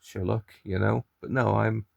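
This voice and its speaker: A young Irish man with a mild accent rambles casually to camera in his daily vlog, often restarting his sentences. His lowish, darkish voice has vocal fry and a steady tone at normal speed. The recording is lo-fi with no echo.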